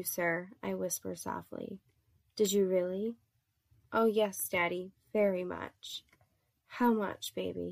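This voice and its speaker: A woman narrating an erotic story in a soft, intimate reading voice. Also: medium pitch, creaky.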